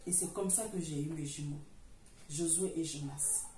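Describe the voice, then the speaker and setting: A middle-aged woman gives a church testimony, her voice mellow and dark. She tells it earnestly and repeats herself often, restarting her sentences. She is heard from some way off the microphone in an echoing church hall, with faint noise behind her. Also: low voice, normal speed. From Africa. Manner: earnest, repetitive storytelling with many restarts. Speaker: church member giving testimony. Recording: roomy echo, far from the mic, faint noise.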